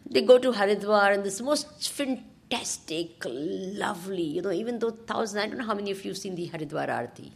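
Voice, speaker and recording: A woman spiritual teacher with a South Indian accent speaks in a husky, creaky voice. Her delivery is unhurried but animated, with wide swings in pitch as she takes her class through scripture and checks in with questions. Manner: animated, prompts listeners with questions. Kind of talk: informal scripture discourse to a class, with Sanskrit verses.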